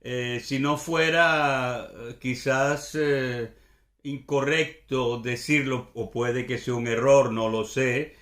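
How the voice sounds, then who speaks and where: A Venezuelan man speaks in a slow, unhurried monologue, rambling and pausing often to think aloud. His accent is Venezuelan Caribbean Spanish, and the room around him has a noticeable echo. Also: mid-range voice, fairly even intonation, fairly bright tone. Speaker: Spanish language podcast host. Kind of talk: relaxed spoken monologue.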